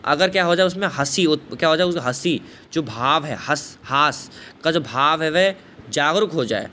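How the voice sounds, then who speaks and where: A man's voice: on the high side, lively intonation, normal speed, bright, forceful tone. A man teaching a poetry lesson, repeating himself, asking and answering his own questions, with frequent fillers of "thik hai" and "bhai". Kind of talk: explaining a Hindi poetry lesson. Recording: faint background noise.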